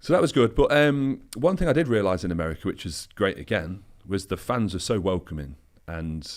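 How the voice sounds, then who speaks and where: A man's voice: low voice, expressive, brisk. A man, a pro bodybuilder guest, telling easygoing anecdotes in a casual interview chat, loose with fillers.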